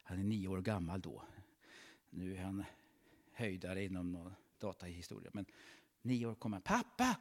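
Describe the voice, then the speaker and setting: A man's voice: low-pitched, steady tone, long pauses, darkish tone. A man preaching a fervent sermon in a church, calling out praises between his points. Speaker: pastor.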